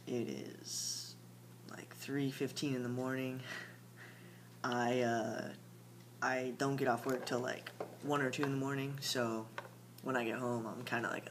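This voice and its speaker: A young man records a casual late-night video diary at home, his mid-range voice fairly bright. As a vlogger, he rambles with lots of fillers and sometimes drops to a mumble, with a faint hum behind him.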